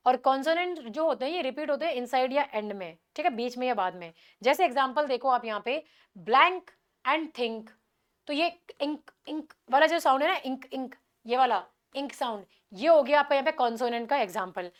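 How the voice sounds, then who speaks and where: A woman with an Indian accent and a high voice gives an exam-prep lecture on literary devices. She explains in a Hindi and English mix and slows down to read each English example aloud. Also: expressive.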